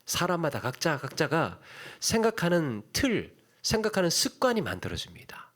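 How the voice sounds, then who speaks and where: A man's voice: a little high, wildly swooping pitch, normal speed, fairly bright tone. A man preaching a sermon in a church, talking conversationally, repeating his phrases and putting questions to the congregation. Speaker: pastor.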